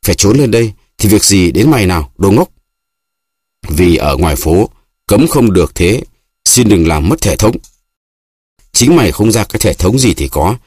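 A man reading an audiobook voices a proud, hysterical destitute widow, pleading and scolding in a raised, shrill voice. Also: a little mellow, no echo, clean studio sound.

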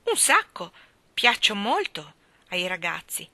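A woman reading aloud plays a chatty, vain girl of eighteen, all gush and swooping emphasis. The voice is bright and crisp. It is set close in a dry, bare recording. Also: medium pitch, big pitch swings, slow pace, no room sound, full character voice. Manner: theatrical, gushing, swooping emphasis. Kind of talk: audiobook character reading.

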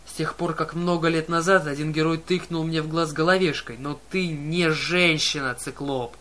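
A man voicing a huge brutish male cyclops in a storybook reading, growling and slow. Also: a little high, steady tone, pushed and bright. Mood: menacing.

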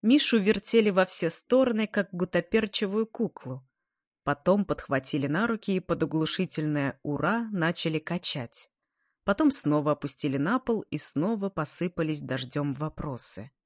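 A woman reading a story aloud in an expressive storytelling manner. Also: fairly low pitch, moderate pace, no room sound, clean studio sound. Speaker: narrator. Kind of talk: audiobook reading.

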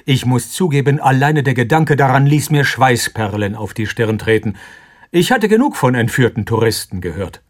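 A man's voice: mid-range voice, lively intonation, moderate pace. A man reading a first-person passage of a novella for radio, in a tense recounting tone. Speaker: first-person narrator reader. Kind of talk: scripted literary narration.

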